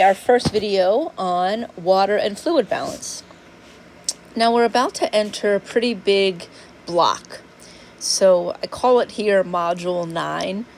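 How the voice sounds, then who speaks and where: A woman's voice: medium pitch, steady tone, unhurried, slight background noise, low-quality recording. Chatty woman lecturing on nutrition. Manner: casual, chatty, apologetic about yawning. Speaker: instructor. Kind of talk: recorded lecture.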